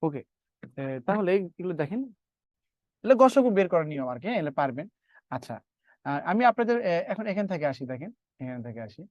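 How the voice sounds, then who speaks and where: A man's voice: high voice, sing-song, fast, pauses often, a little mellow, no room sound, highs cut off. A man teaching math in a live online lecture, repeating steps and quizzing his students as he works through sums.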